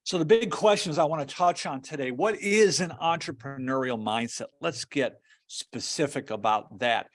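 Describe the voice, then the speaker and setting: A man giving a webinar presentation over a video call, earnest, often repeating words and filling pauses. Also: on the high side.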